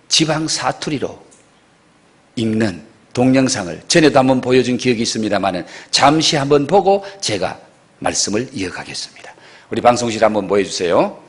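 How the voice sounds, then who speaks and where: A man preaching as senior pastor, emphatic and repetitive, swinging between loud and soft. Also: mid-range voice, husky. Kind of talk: sermon.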